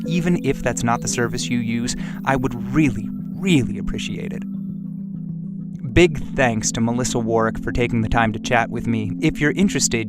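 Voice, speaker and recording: A man hosting his own podcast, reading a scripted narration in a measured, reflective way. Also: mid-range voice. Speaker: podcast host and producer. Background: music bed.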